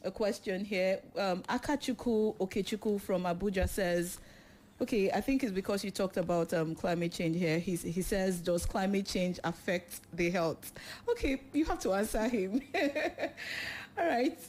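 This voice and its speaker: A woman hosting a radio talk show, laughing often and filling pauses with "um" while she reads out listeners' questions. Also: medium pitch, a little mellow, slight background noise. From Nigeria. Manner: laughs often, many fillers. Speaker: host.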